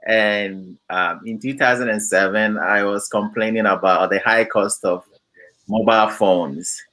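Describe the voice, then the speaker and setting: A man from Ghana, a company founder, explaining his product in an interview in a measured way, with many pauses and fillers. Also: on the low side, fairly even intonation, bright, forceful tone, poor audio.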